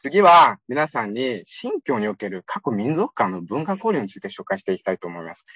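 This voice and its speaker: Lively man giving a lecture. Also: lowish voice, slightly rough, no echo. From Xinjiang, China. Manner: lively, conversational, with frequent fillers. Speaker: guest lecturer. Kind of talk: public lecture. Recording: dull lo-fi recording, dry.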